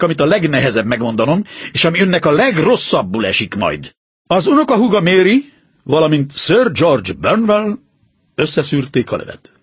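A man voicing a calm, stern detective in an audiobook reading, explaining in a measured, authoritative way. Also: a little high, husky, no room sound. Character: calm, stern male detective, confident and precise.

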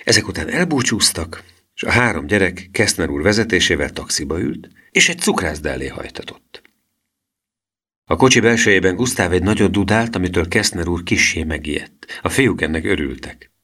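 A man narrating a children's storybook aloud in an expressive, lively way. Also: low voice, breathy edge. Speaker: audiobook narrator. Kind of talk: storybook reading.

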